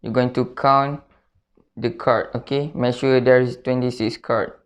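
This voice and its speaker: Man, tutorial presenter, flat even delivery, slow unhurried pace, repetitive step-by-step instructions, dull recording. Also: medium pitch. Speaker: card trick tutorial presenter. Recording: dull, lo-fi sound.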